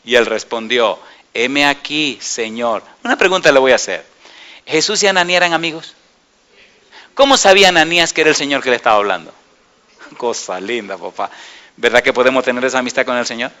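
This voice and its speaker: Bright-voiced man preaching a sermon. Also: medium pitch, fast talker, long pauses. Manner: emphatic, asks the congregation questions; swings from soft murmurs to raised exclamations.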